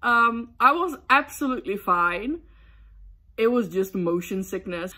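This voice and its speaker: Young woman from the netherlands chatting storytime, slow and unhurried, bright voice, giggles a lot. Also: medium pitch. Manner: giggly, excitable, many ums. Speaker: booktube vlogger. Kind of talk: casual storytime chat.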